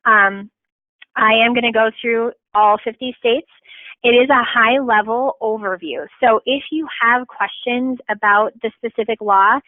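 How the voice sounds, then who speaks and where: A woman attorney presenting a legal webinar in a chatty, quick way with frequent ums. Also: fairly high pitch, dry recording. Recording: tinny phone-like line.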